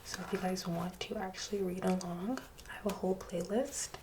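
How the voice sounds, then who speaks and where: A woman doing soft-spoken ASMR reading, drifting between a hushed voice and a whisper. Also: lowish voice, fairly even intonation, fairly quick. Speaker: ASMR channel host. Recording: street noise in background. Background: street traffic.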